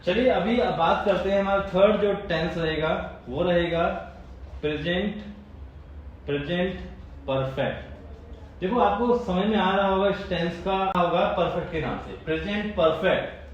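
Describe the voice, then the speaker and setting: A male teacher with an Indian English accent explains grammar, drilling phrases and throwing questions back at the class. His voice sits a little high and is heard from a distance in a very echoey room. The sound is dull and lo-fi, with faint noise behind it. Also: normal speed. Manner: repeats phrases, quizzes students with questions.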